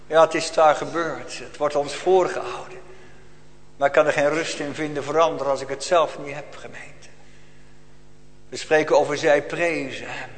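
A man preaching a solemn, urgent sermon full of rhetorical questions to his congregation. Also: fairly high pitch. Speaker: pastor. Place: church. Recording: long reverb of a church hall.

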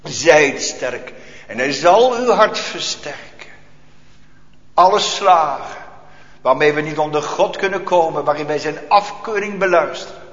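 In an echoey church hall, a man delivers an impassioned sermon, his fairly high voice alternating between loud bursts and near-whispers at a measured, animated pace. The audio sounds dull and lo-fi, with a long reverb ringing through the space.

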